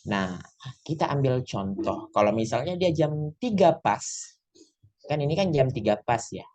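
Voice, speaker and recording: A man's voice: medium pitch, lively intonation, a little slow, darkish tone, muffled recording. A male tutor gives an online English lesson over a video call. He talks in a chatty way and drops English phrases into his explanations. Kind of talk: online class lecture. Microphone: computer mic on a video call.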